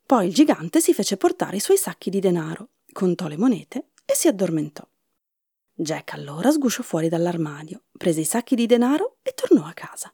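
A woman reads a fairy tale aloud, her pitch rising and falling with the drama of the story. Her voice is mellow and slightly husky, and the recording is dry and close. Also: normal speed, dry recording. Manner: expressive storybook narration.

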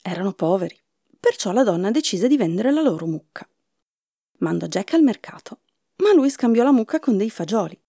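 A woman reading a fairy tale aloud as a storyteller, in expressive storybook narration. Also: mid-range voice, moderate pace, slightly rough, dry recording, clean studio sound.

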